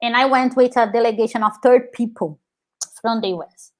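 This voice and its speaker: A woman in her thirties, from Brazil and carrying a Brazilian Portuguese accent, speaks fairly quickly in a fairly high, fairly even voice. Appearing as an interview guest, the activist and scholar reflects earnestly on her personal story, leaning often on "like."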